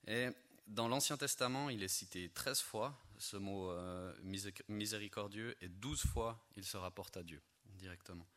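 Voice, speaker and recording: A man's voice: on the low side, moderate pace, fairly bright tone. A man giving an informal Bible study talk, hesitant and full of fillers, with chatty self-deprecating humor. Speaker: lay preacher introducing a Bible study theme.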